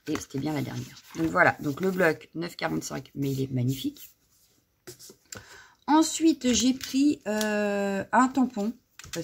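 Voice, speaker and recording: A middle-aged crafting vlogger with a low, gravelly voice shows off her craft purchases in a casual haul. She chats away with many fillers and plenty of "voilà," a slight frog in her throat, with a little background noise.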